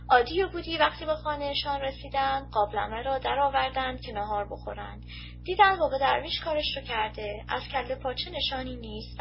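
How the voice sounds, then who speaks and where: A woman narrating a storybook in a calm, even storytelling manner. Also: sits high. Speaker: audiobook reader. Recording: muffled lo-fi recording.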